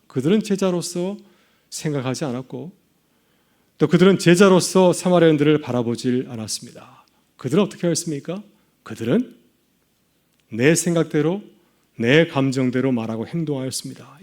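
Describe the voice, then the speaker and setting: A man's voice: fairly high pitch, warm tone. A middle-aged male pastor preaching a sermon, asking the congregation rhetorical questions.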